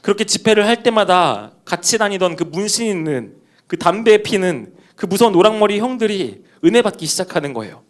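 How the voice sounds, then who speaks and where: A man's voice: high voice, animated, fairly quick. A young man preaching a sermon, telling a personal story and speaking to the congregation. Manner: personal anecdote with quoted dialogue, addresses congregation.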